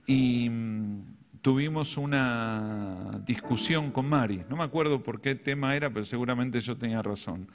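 A man's voice: mid-range voice, normal speed. A middle-aged man with a Rioplatense Spanish accent, preaching a sermon as a pastor and telling stories with self-deprecating humor.

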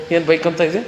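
Guy coaching a home workout, bossy and teasing, counting reps, kinda high voice, echoey room. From Karnataka, India. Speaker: fitness coach.

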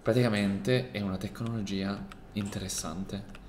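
A young man playing a town mayor in a roleplay game, joking and excitable as he chats. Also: fairly low pitch, a little slow, a crowd in the background. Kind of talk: casual roleplay gameplay. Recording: echoey room, faint background noise.

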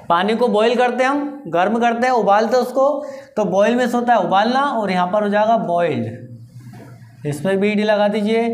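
In a room with noticeable echo and a little background noise, a mid-range-voiced English teacher runs a grammar lesson. He asks himself rhetorical questions, supplies the answers, then goes over each one again slowly.

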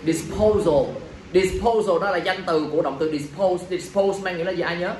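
A male teacher leads an exam review, firing quick questions at his students and checking in after every point. His voice sits a little high and carries a strong room echo, picked up from some distance with faint background noise. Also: darkish tone.

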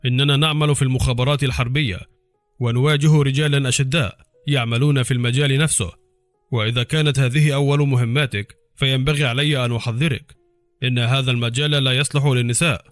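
Male reader voicing a cool, curt agent at mid pitch; dry close sound. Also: fairly even intonation, quick pace, no echo, faint music behind, natural voice. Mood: cold dry. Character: hardened male spy, dry and cold.

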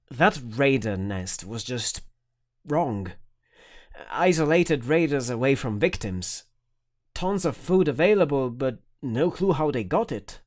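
A man voicing a wry, battered pony mare. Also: medium pitch.

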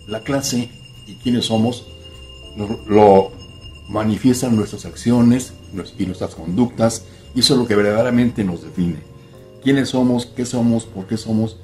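A man's voice: lowish voice, darkish tone. An older man hosting a style channel, speaking to camera in a formal, emphatic manner, repeating points and addressing the viewer politely. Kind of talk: talking to camera, advice monologue. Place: home room by a window.

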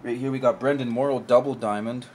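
A young card collector vlogger, talking fast in a medium-pitched, darkish voice with fairly even intonation, gives casual commentary on his old collectible cards. He speaks offhandedly into a camera mic on the table in a room at home with a shelf of collectibles, often trailing off, and there's a little hiss or hum.

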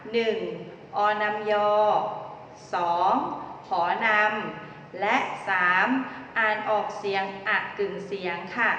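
A woman teacher carefully explains spelling rules to children and reads each example word clearly. Her voice has a long reverb, as if she were in a hall. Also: on the high side, fairly bright tone, lo-fi sound, slight background noise. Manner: clear, deliberate explaining, reading example words aloud. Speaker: primary school teacher. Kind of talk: children's reading lesson.

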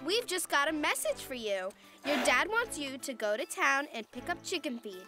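A conniving teenage girl from a cartoon. Her voice is high, catty and teasing, with a sly snide edge, and music plays clearly behind her. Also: sing-song, moderate pace. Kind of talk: animated series voice acting.

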